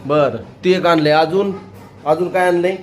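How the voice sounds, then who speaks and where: A woman with a rural western Maharashtra Marathi accent, filming at home on a phone and gently coaxing a toddler with one question after another in a casual vlog. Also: lowish voice, steady tone, normal speed, faint music behind. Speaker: family vlogger questioning a toddler.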